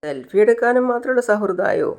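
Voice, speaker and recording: A woman's voice: mid-range voice, animated, fairly quick, darkish tone, voice pushed up, natural voice. Chandrika, a narrator doing a jealous young woman. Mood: jealous scolding. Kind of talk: retelling a TV serial scene.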